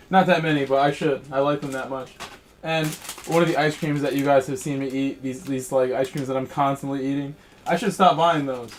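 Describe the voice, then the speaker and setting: Relaxed rambling man streamer. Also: mid-range voice, slight background noise, rough recording. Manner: rambling, relaxed, chatting while snacking. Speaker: sim racing streamer. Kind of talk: casual live-stream chat. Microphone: headset.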